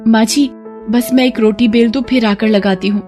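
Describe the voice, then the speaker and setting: A woman voicing a gentle, meek young daughter-in-law in an animated story, speaking softly and submissively. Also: a little high, normal speed, faint music behind, pitched above the performer's own voice, natural voice. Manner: soft, submissive.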